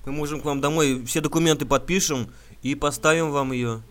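A man making a prank phone call, talking in a deadpan, mock-earnest way and stumbling over words. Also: a little high, fairly quick. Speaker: prank caller.

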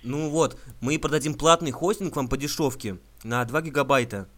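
A man making a prank phone call, talking in a deadpan, mock-earnest way and stumbling over words. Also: medium pitch, normal speed. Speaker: prank caller.

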